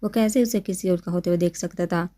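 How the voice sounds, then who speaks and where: A woman narrates a romantic novel as an audiobook in a steady, dramatic manner. Her voice is low-pitched and mellow, with a soft, dark tone throughout.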